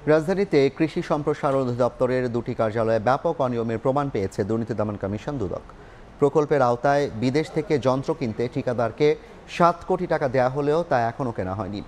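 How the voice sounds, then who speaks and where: A male news anchor reading scripted headlines in a formal, measured way. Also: medium pitch, a little mellow, slight background noise.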